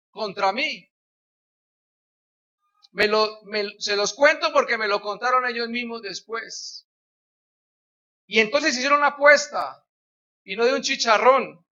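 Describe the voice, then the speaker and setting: A man's voice: very high-pitched, bright, forceful tone, highs cut off. A man preaching a sermon as pastor, acting out the voices of people in his stories.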